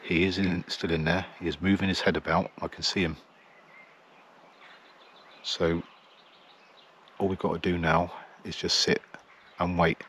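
Low, flat-voiced man filming outdoors. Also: unhurried, pauses often, a little hiss or hum. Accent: English. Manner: plain, chatty, matter-of-fact. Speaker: wildlife photographer. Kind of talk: casual outdoor vlog narration. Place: outdoors in a field by trees. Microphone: camera at arm's length.

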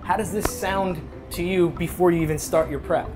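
A man in his thirties hosting a cooking show in a restaurant kitchen, energetic and joking. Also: high-pitched, normal speed. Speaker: host. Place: large restaurant kitchen, indoors. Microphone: lapel mic. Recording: music bed under the voice. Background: music.

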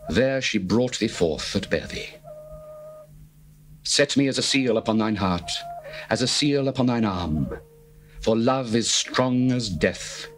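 A man reads the part of a solemn, adoring lover from an ancient love poem, slowly voicing his praise with reverence in this dramatized scripture reading. His voice is steady and sits a little low, with faint music underneath.

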